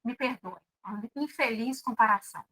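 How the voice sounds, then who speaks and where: A woman's voice: a little high, normal speed, a bit bright, low-quality recording. A middle-aged woman with a Brazilian Portuguese accent giving a devotional talk at a spiritist seminar, intimate and pleading, speaking straight to her listeners. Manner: intimate, pleading, addresses audience directly.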